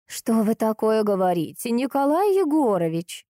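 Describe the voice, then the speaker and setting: A woman voicing a sharp-tongued, persistent older woman detective who is by turns sweet and cutting, in an audiobook. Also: medium pitch, very animated, moderate pace, no room sound, clean studio sound, voice pushed up, close to an everyday voice. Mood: coaxing.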